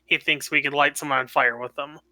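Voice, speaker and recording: A man's voice: a little high, fairly even intonation, a little fast, sharp tone, no room sound. A man playing in a tabletop game, talking casually in a blunt, profane way. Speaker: player.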